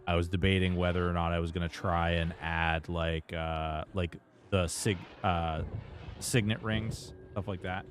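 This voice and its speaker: Low-sitting and fairly monotone, this man's voice goes a little slowly, with some hiss or hum in the audio. He's streaming a game and chatting loosely, rambling with plenty of fillers and false starts.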